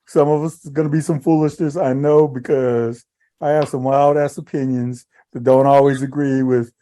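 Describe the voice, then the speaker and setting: A man co-hosting a podcast, chatting in a relaxed, rambling way. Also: mid-range voice, moderate pace. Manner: laid-back, rambling, laughs easily. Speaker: podcast co-host. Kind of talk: casual chat.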